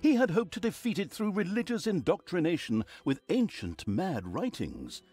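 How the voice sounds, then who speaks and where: A man's voice: sits high, sing-song, moderate pace, darkish tone, breathy edge, soft background music, heavily acted. A man voicing a sardonic game narrator who tells the story with mocking, theatrical asides. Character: sardonic male narrator who gloats over evil deeds.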